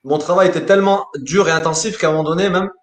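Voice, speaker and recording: A man's voice: a little high, fast. Man with a roomy, echoey sound. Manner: animated, repeats words while thinking. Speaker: sports coach. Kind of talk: live interview answers. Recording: roomy echo.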